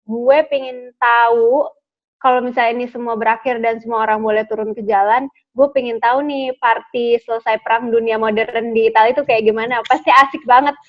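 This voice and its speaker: A woman's voice: fairly high pitch, steady tone, brisk, highs cut off. A woman actress being interviewed over a video call from her home, chatting casually with frequent fillers and laughs. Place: home during lockdown.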